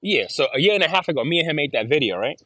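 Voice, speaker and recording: A man with a slightly high, animated voice talks quickly over crowd noise, appearing as a guest in a casual video-call interview. He's earnest and keeps repeating and restarting his phrases.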